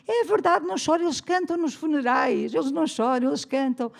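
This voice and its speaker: A woman's voice: high voice, fairly quick, gravelly, pitched above the performer's own voice. A woman preacher voicing a worried, tearful older mother in a retold story, pleading and lamenting.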